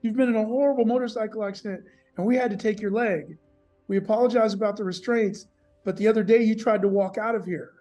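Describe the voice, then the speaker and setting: A man voicing a relieved, hurried female hospital nurse who talks fast and apologizes, as he retells his story. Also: medium pitch, fairly even intonation, dark tone, faint music behind, voice pushed up, close to an everyday voice.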